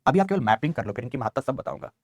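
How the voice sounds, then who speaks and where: A man's voice: medium pitch, sing-song, racing, no room sound. A man teaching a geography map lesson. He repeats key terms and calls his students "beta". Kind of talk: online map lecture.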